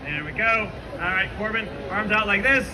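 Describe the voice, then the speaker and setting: A man's voice: high voice, normal speed. A man hosting a live outdoor comedy trick show, giving joking, sardonic patter to the audience. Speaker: street show performer and host. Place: outdoor fair show ground, filmed from the crowd. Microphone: camera in the audience, at a distance. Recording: outdoor crowd noise, recorded from the audience.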